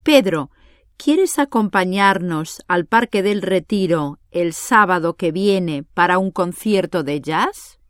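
An actress playing Carmen, a sociable young woman of nineteen, in a scripted exam dialogue, speaking clearly and carefully. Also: on the low side, lively intonation, no room sound. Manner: clear, careful delivery, numbers read slowly. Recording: dry studio recording.

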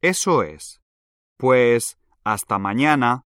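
A man playing a friendly twenty-six-year-old in a scripted language-exam dialogue, speaking slowly and clearly. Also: medium pitch, animated, fairly bright tone, dry recording, studio quality. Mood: casual. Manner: slow, clearly spaced delivery.

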